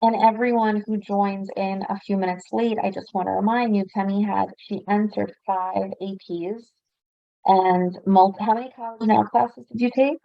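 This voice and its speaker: A woman's voice: mid-range voice, steady tone, moderate pace, creaky, dry recording, lo-fi sound. A woman hosting a webinar interview over a video call. She asks probing questions and recaps the figures for her audience. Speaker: webinar host.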